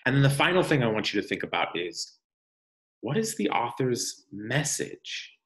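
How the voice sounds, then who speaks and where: In an echoey room, a man reads a picture book aloud to children the way a teacher would, expressive and deliberate. His voice is medium-pitched, and he pauses for emphasis and to ask guiding questions.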